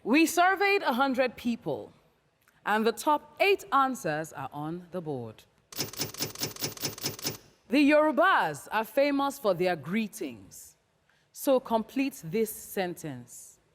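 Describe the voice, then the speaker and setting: A woman's voice: a little high, big pitch swings, slow pace, long pauses. A woman with a Nigerian accent presenting a game show to a studio audience, projecting with an exuberant, teasing manner. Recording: reverberant studio hall, crowd noise. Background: studio audience and noise.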